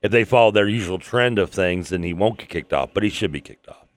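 A man co-hosting a casual sports talk show, speaking haltingly and repeating words as he searches for them. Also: deep voice, no room sound, studio quality.

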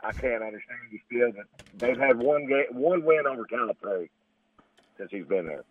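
A man's voice: medium pitch, expressive, normal speed. A man calling into a radio show, heard over a tinny phone line, needling the host in a mocking way. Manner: teasing, mocking. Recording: dull phone line with faint hiss.

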